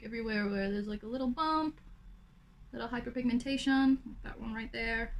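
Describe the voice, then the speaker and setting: A young woman with a raspy, lazy voice chatting casually through a makeup tutorial, full of fillers. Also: on the high side, a little mellow. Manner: lazy, laid-back delivery full of fillers. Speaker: makeup vlogger.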